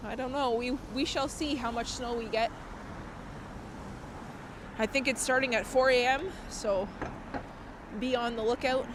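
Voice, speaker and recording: On a noisy night street, a woman live-streams outdoors and chats through viewer comments, laughing a lot. Her high-leaning voice is steady and a little slow with long pauses, and it's slightly nasal because she's recovering from a cold.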